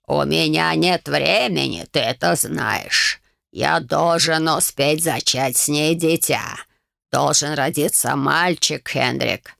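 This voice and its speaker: A frail, scheming old man, put on by a woman reading a storybook, drags out every word in a low, grating creak. He hisses and complains rather than speaks. The sound is dry and close. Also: fairly bright tone, no room sound, exaggerated voice. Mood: pressing. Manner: slow, hissing, querulous.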